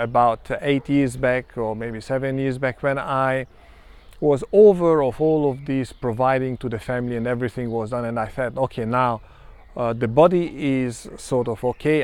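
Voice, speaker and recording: A man's voice: mid-range voice, clear, resonant tone. Reflective Hungarian-accented man. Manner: measured and reflective, many ums and pauses. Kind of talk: personal self-introduction monologue.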